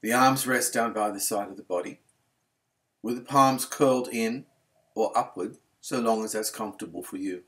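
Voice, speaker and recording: A man whose voice sits on the low side guides listeners through a yoga nidra relaxation. The pace is unhurried, the tone calm and soothing, and the wording gentle.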